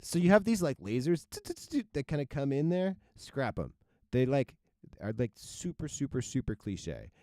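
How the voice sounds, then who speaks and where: A man's voice: medium pitch, sing-song, normal speed, few pauses, darkish tone. A man who produces music, giving loose, chatty feedback on a livestream. He swears now and then and stumbles over his words. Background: faint electronic music playing.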